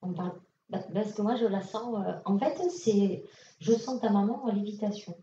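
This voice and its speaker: A woman's voice: mid-range voice, normal speed, mellow, a little hiss or hum. A woman medium giving casual, direct readings to an audience at a conference, speaking with many fillers. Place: conference hall. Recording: echoey hall, distant lo-fi mic.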